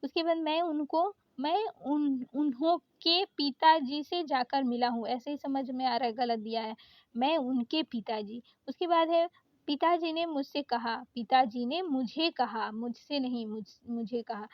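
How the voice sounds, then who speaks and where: A woman's voice: sits high, no echo, dull audio. A woman teaching an exam-prep grammar lesson, reading out lists of words one by one with frequent hesitations. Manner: reads out word lists with many pauses and "अ" fillers.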